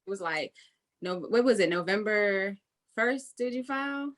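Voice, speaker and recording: A woman's voice: medium pitch, lively intonation, normal speed. A woman guest recalling events, hesitant and reflective, acting out what she said. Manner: hesitant, reflective, quotes herself animatedly. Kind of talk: casual conversation.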